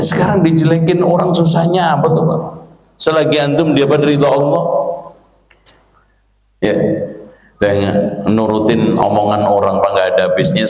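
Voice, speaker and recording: A man preaching a lively study lecture, acting out characters in colloquial speech. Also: medium pitch. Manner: animated storytelling, acting out characters in colloquial slang. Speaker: Islamic preacher. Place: mosque. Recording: echoey hall with faint ambience.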